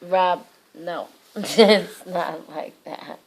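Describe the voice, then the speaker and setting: A woman's voice: on the low side, extremely slow, low-quality recording. A woman talking in her sleep, rambling drowsily in disjointed nonsense at home at bedtime.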